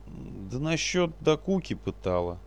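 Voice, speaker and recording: A man's voice: mid-range voice, very animated, unhurried, voice pushed up. A man reading a story aloud and voicing a cautious, reluctant old male warrior who hems and mumbles.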